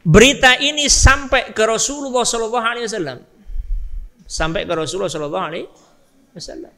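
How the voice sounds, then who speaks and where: This male Islamic preacher speaks quickly in a bright, forceful voice that sits high, giving a storytelling sermon before a live congregation. Emphatic throughout, he repeats phrases and asks his audience questions, all captured with long hall reverb.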